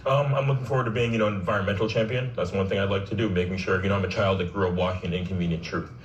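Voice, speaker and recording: A man, answering interview questions in a casual, measured way and leaning on "you know" fillers. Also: deep voice, steady tone, reverberant, recorded from a distance, muffled recording, a little hiss or hum. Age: 20s. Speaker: political candidate. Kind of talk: broadcast interview guest.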